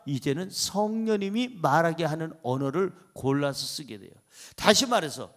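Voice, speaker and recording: Pastor, male, high-pitched, lively delivery that drops to hushed asides; poses questions to the congregation. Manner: animated, swings between loud emphasis and soft asides; asks the congregation rhetorical questions. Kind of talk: sermon.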